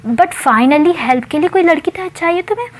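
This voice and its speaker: A woman voicing a sharp-tongued young woman who teases and scolds her friend. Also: very high voice, lively intonation, voice pushed up. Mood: teasing. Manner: teasing, scolding, quick retorts.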